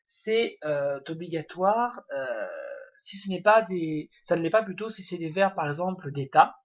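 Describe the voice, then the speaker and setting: A man's voice: on the high side, breathy edge. A man giving a spoken grammar lesson, explaining step by step with many hesitations and fillers. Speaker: language teacher. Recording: dull lo-fi recording.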